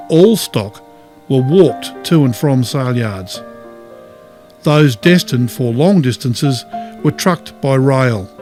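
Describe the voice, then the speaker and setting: A man's voice: medium pitch, darkish tone. A man with an Australian accent reading scripted documentary narration. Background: music.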